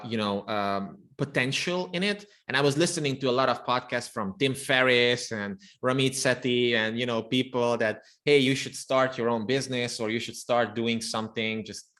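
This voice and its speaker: A man's voice: medium pitch, fairly bright tone. A man from Romania whose first language is Hungarian, a copywriter guest on a podcast interview, who speaks thoughtfully and restarts his phrases often.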